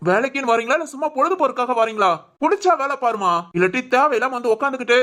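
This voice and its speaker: A woman acting out a furious male office boss who rants and sneers at his staff. The voice sits fairly high and comes out loud and berating. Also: expressive, racing. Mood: scolding. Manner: berating, scornful.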